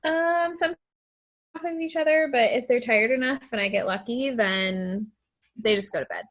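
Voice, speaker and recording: A woman on a team video call, a mother of twins, relaxed and laughing easily as she chats. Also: fairly high pitch, moderate pace. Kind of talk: casual video call chat.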